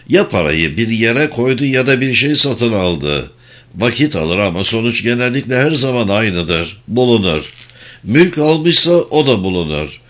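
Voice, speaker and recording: A man reading a calm, firm lawyer. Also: medium pitch. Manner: measured, patient, explanatory. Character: calm, firm middle-aged male lawyer executor. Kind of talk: audiobook character reading.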